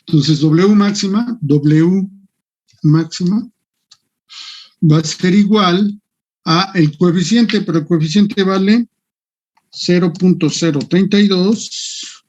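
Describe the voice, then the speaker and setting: A man's voice: sits high, takes it slowly, long pauses, a little mellow. Muffled man lecturing. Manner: thinks aloud while working on screen, mutters to himself. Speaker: engineering lecturer. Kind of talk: online class lecture with screen sharing.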